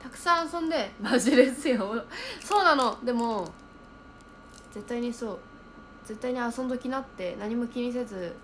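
A young woman chatting casually on a livestream, reading viewer comments aloud and thinking out loud as she reacts. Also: on the high side, normal speed, a little hiss or hum.

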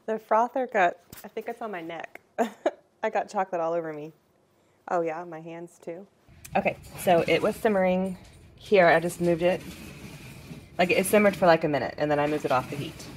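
A woman in her thirties casually talking through a recipe in her home kitchen, relaxed and chatty, picked up by a camera across the room. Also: lowish voice, moderate pace, a little hiss or hum. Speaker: home cooking vlogger. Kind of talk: casual cooking demonstration.

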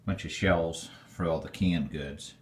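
A man's voice: sits low, fairly even intonation, a little slow. A man giving a casual, rambling walkthrough of his old basement as a homeowner, filming on a handheld phone. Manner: rambling, plainspoken, with fillers. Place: dark stone basement, indoors. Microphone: handheld phone camera. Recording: echoey basement room.

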